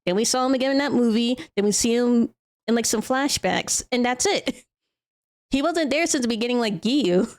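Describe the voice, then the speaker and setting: A woman giving casual reaction commentary in a halting way, often repeating and restarting her phrases. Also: fairly high pitch, expressive. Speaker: reactor streamer.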